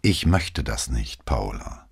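A man's voice: a bass voice, big pitch swings, takes it slowly, vocal fry, breathy edge, voice pushed down, full character voice. A man voicing a tired, brooding middle-aged police detective who speaks tersely in an audiobook. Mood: regretful. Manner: terse, defensive, then apologetic. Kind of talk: audiobook reading.

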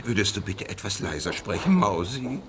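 A smarmy, stammering charmer. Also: male voice, on the low side, big pitch swings, moderate pace, background noise. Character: smarmy flirting middle-aged man, evasive. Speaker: borrower caught out. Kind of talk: radio play acting.

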